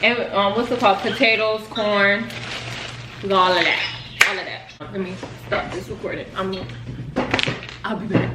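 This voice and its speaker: A woman hosting a casual mukbang vlog, chatting in a relaxed, slangy way. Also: mid-range voice, moderate pace, pauses often, reverberant, heavy background noise. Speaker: vlogger host.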